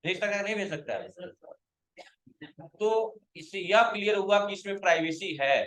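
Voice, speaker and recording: A man's voice: sits high, normal speed, a bit bright, reverberant, low-quality recording. A male computer teacher giving a classroom lecture, quizzing his students, calling them to stand and scolding those who have not understood.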